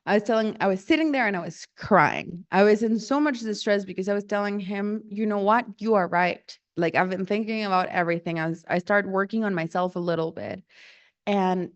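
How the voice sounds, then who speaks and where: A woman's voice: mid-range voice, brisk, lo-fi sound. A woman telling a personal story in a casual way, laughing often and acting out the dialogue she quotes.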